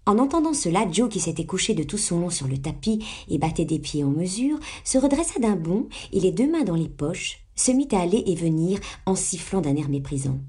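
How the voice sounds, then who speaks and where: A woman narrating a classic novel in a measured, expressive storytelling way. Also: lowish voice, slightly rough. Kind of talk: audiobook reading of a classic novel.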